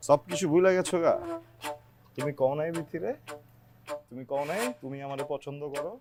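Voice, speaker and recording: A man's voice: a little high, normal speed, natural voice. A man playing a brash lovesick Old tough. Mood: aggrieved. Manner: loud, swaggering, bullying. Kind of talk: TV drama acting. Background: music.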